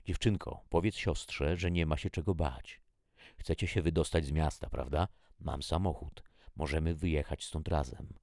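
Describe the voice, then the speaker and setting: A man voicing a calm, soft-spoken stranger with a gun who coaxes two girls to come with him. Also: a bass voice, moderate pace, no room sound, studio quality. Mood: coaxing. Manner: coaxing, gently persuasive.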